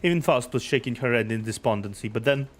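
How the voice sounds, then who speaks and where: A man's voice: mid-range voice, fast. A man casually narrating a game and reading its dialogue aloud as a streamer.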